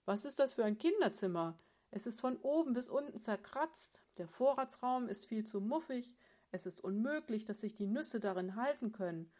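A woman reading aloud, voicing a grumpy, indignant male bear father in a children's story, complaining loudly. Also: on the high side, animated, normal speed, pitched above the performer's own voice, close to an everyday voice.

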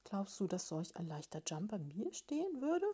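A woman's voice: medium pitch, very animated, moderate pace, mellow, husky. A woman voicing a fussy, nagging female beetle who keeps asking her husband questions.

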